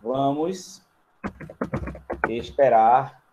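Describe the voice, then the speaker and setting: A man's voice: medium pitch, extremely slow, muffled recording, noisy background. A man with a Brazilian accent teaching a grammar lesson. He explains each step in turn while writing on a board and keeps checking in with the class. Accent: Brazilian Portuguese. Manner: writes on a board while talking.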